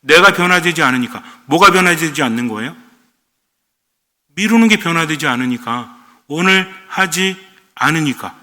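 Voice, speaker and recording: Male priest, fairly high and bright, chatty lecture homily full of questions to the congregation, hall echo. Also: animated, moderate pace, long pauses. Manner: conversational, quizzes the audience with rhetorical questions.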